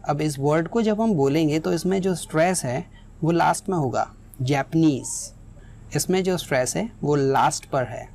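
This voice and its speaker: Patient English teacher explaining pronunciation. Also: female voice, low-pitched, normal speed, creaky, darkish tone. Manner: explains step by step, mixing in English phrases. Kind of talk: spoken lesson with examples.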